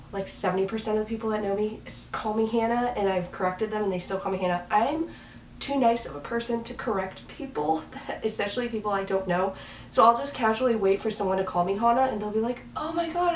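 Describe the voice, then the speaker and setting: This twenty-something vlogger from Washington State talks to the camera from her small bedroom, perched on the bed with a dog, chuckling at her own rambling. She has a mid-range voice. The audio comes from a camera mic several feet away, sounding roomy and a bit distant, with light background noise.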